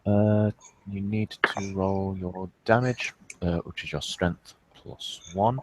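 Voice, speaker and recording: A man running a tabletop role-playing game as storyteller, explaining rolls with many pauses and fillers. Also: low voice, background noise. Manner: hesitant, lots of fillers.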